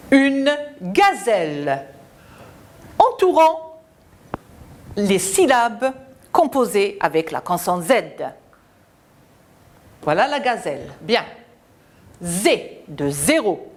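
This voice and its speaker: In a mid-range voice, a woman teacher leads children through a slow, deliberate phonics lesson, spelling out letters and syllables one by one.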